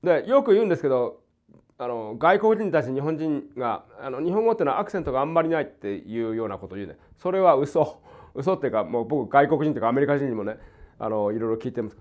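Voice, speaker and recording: An older man from Hokkaido with a light Hokkaido accent, teaching jazz guitar in a casual, animated way and acting out rhythms and quoted voices. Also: mid-range voice, quick pace. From Hokkaido, Japan. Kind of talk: casual spoken lesson. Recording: dull lo-fi recording.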